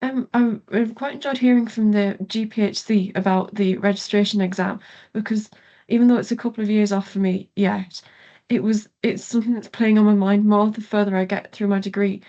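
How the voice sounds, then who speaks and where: Mellow young woman, west of Ireland accent. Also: medium pitch, fairly even intonation, brisk, highs cut off. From Galway, Ireland. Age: young adult. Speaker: interview guest, pharmacy student. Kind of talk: casual interview answers.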